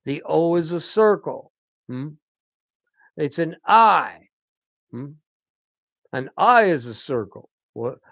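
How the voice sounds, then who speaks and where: A man's voice: fairly high pitch, expressive, slow pace, gravelly, long pauses, a bit bright, no room sound. A man rambling through a spiritual monologue as a channel host, often asking "hmm?" to his listeners. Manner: rambling, repeated prompts of "hmm?". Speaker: channel host, self-styled teacher. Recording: dull lo-fi dry recording.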